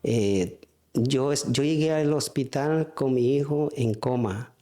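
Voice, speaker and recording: A man giving a spoken church testimony, halting, with frequent restarts and fillers. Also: mid-range voice, warm tone.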